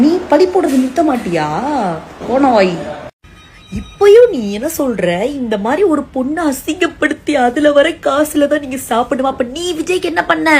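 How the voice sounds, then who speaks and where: Woman, high voice, faint hiss behind, scornful scolding tone. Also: darkish tone. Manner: scolding, contemptuous, talks down to her target. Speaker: social media commentator. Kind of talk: scolding rant video.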